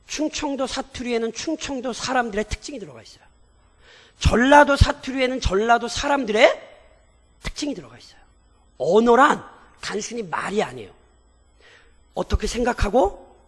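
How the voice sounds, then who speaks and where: A male pastor preaching a sermon, often asking the congregation rhetorical questions and building to emphatic shouts. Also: extremely high pitch. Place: church sanctuary. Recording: church sermon with long reverb.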